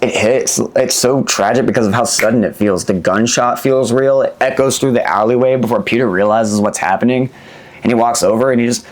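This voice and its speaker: Guy reviewing a movie super fast, pumped, swears a lot. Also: mid-range voice. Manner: enthusiastic, casually profane.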